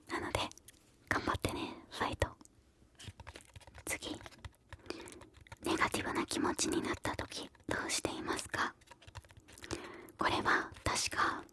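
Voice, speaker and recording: A woman speaks entirely in a soft ASMR whisper, close to the ear. The whisper is breathy and crisp with a bright edge. She sounds gentle and encouraging as she answers listener questions. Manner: encouraging, gentle advice-giving.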